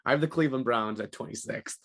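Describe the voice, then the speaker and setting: A young man talking sports in a relaxed podcast chat, voice at an ordinary middle pitch. He fills pauses with ums and laughs easily while giving his picks. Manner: laid-back, frequent ums and laughs. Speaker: podcast co-host.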